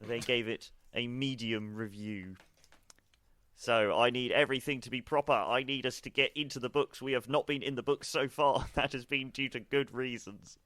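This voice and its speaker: A man with a bright, crisp voice recorded dry and close. He plays a fussy space-station manager in a tabletop game, rambling and breaking into laughter mid-sentence. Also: medium pitch, fairly even intonation, normal speed, dry recording. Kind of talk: in-character role-play as a station manager.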